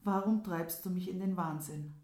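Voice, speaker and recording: A woman's voice: fairly low pitch, fairly even intonation, moderate pace, a little mellow, close to an everyday voice. A woman voicing a young prince, desperately in love and pleading in a fairy tale. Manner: pleading, impassioned. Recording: roomy echo.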